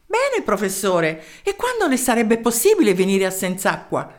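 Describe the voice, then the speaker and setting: A woman's voice: medium pitch, wildly swooping pitch, normal speed. A woman voicing an earnest male village mayor who talks politely and insistently in a raised voice. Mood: eager.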